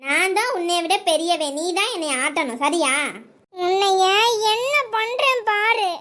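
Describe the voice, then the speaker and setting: A woman's voice: very high-pitched, animated, a little slow, fairly bright tone, full character voice. A woman voicing a bossy, taunting older boy in a cartoon.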